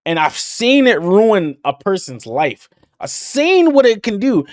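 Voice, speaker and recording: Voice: mid-range voice, sing-song, measured pace, dry recording, clean studio sound. A reaction video host ranting angrily with heavy profanity while commenting on a clip. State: livid.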